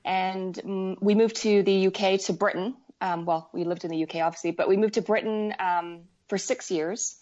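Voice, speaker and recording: A needlework artist in her forties, from Wales and western Canada, chats casually as an interview guest with hesitant, stop-start phrasing. Her mid-range voice has fairly even intonation, a moderate pace, few pauses, and a slightly mellow quality, though the audio is dull.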